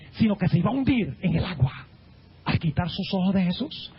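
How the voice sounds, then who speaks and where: A man preaching a sermon in a husky, fairly high voice. He delivers it dramatically, with big swoops in pitch, and acts out the voices of the people in his stories. The recording sounds dull and lo-fi. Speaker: pastor.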